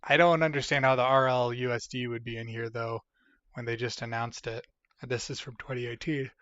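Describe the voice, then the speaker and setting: A man's voice: mid-range voice, steady tone, brisk, fairly bright tone, dry recording, dull audio. A tired, sleepy man hosting a casual livestream, from the United States, rambling as he reads chat aloud. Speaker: livestream host.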